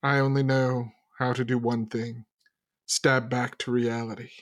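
A man's voice: mid-range voice, little pitch movement, measured pace. A man joking around as a player in a tabletop game. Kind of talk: casual tabletop game play.

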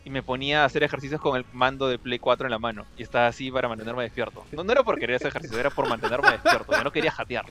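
A young man with a Peruvian accent telling stories in a casual chat with friends. He rambles and restarts often and uses relaxed slang. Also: mid-range voice, very fast, few pauses, over music. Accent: Peruvian Spanish.

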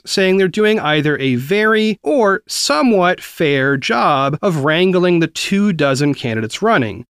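A man's voice: on the high side, a bit bright, smooth, dry recording, studio quality. A man in his forties from the American South, hosting a news podcast, reading quotes and commenting in an earnest, conversational way. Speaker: podcast host.

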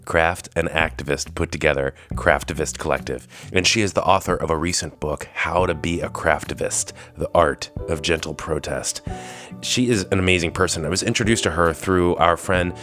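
A man hosting a podcast in an informal, effusive way, sick and hoarse with his voice giving out. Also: low-pitched, fairly even intonation, moderate pace, a bit bright, soft background music. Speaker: podcast host. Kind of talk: conversational podcast introduction and interview.

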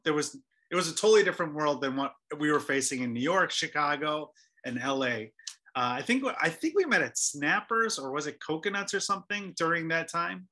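Host: man, 40s, bright forceful tone, a bit high, rambling conversational style. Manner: rambling, loose and chatty. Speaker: podcast host. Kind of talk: casual podcast interview.

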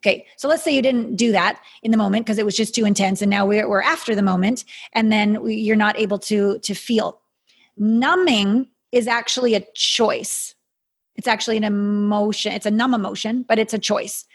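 A woman with an airy, breathy voice coaching a guided meditation in a mystical healer's manner, with soothing, incantatory prompts. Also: mid-range voice, fairly even intonation, normal speed. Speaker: guide leading an emotional healing exercise.

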